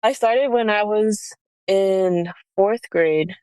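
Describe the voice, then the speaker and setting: Speaking slowly in a clear, resonant, mid-range voice with a darkish tone, an American college basketball player in her early twenties chats casually as an interview guest. Her talk is informal, full of "like" and "you know", and there's no room sound.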